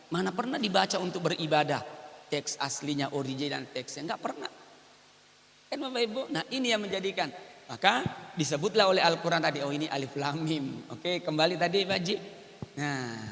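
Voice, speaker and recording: A man's voice: high voice, bright, forceful tone. A middle-aged man preaching a Quran study lecture, chatty, joking with and quizzing his audience. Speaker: Islamic preacher. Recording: long hall reverb.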